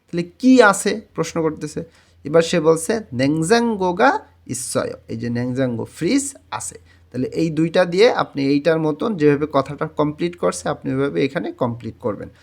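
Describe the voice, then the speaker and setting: Guy teaching words, says each one twice slow, kinda high voice. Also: lively intonation, creaky. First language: Bengali. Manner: repeats each word twice, slow and drawn out. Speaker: Korean language teacher. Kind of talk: textbook vocabulary lesson.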